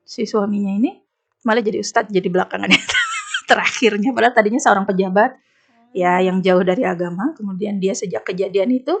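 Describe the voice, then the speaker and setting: A woman's voice: mid-range voice, a little fast, gravelly. A woman with an Indonesian accent, speaking as a guest on an Islamic women's talk show and telling stories with emphasis. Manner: emphatic, animated storytelling with acted quotes.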